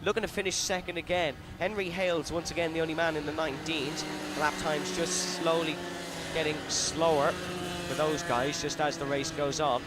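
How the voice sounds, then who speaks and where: A man calls a race live in running play-by-play that climbs with the action, his voice slightly high with little pitch movement at a normal speed. Kart engines roar at an outdoor circuit, and the recording carries loud engine and track noise.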